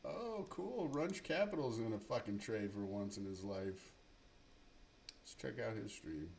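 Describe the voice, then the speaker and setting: A man's voice: fairly low pitch, lively intonation, a little slow, gravelly, a little mellow, slight background noise. A man giving profane, mumbling running commentary on his live trading stream. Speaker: livestream day trader.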